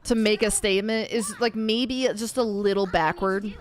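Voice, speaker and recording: A woman's voice: medium pitch, steady tone, moderate pace. Slangy, sweary frat-bro woman gamer. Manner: slangy frat-bro talk, says bro and dude; swears freely. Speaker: live game streamer. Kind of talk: casual gameplay chat and commentary.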